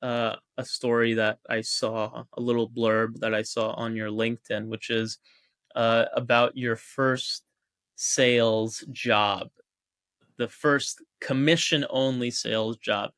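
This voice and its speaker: A man's voice: medium pitch, flat delivery, slow pace, fairly bright tone, clear, resonant tone, dry recording, clean studio sound. A man hosting a podcast, introducing and questioning his guest in an easygoing way with many "uh"s and "like"s. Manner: easygoing, with frequent "uh" and "like". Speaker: podcast host. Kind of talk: conversational interview.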